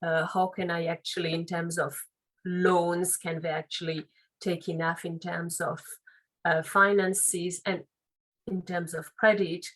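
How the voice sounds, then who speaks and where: A Frenchwoman in her late thirties with a French accent, speaking English as a second language. Her voice sits on the lower side, and she answers interview questions reflectively, circling back and rephrasing as she goes. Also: level tone, a little slow, fairly bright tone, low-quality recording. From France. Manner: thoughtful, reflective, loose phrasing with restarts. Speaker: guest, legal and compliance officer.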